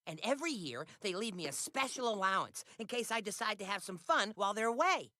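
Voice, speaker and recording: A voice actor playing an eager, dramatic nerdy teenage boy in an animated sitcom. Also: mid-range voice, brisk, no echo, studio quality. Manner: excitable, theatrical outbursts. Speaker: cartoon character.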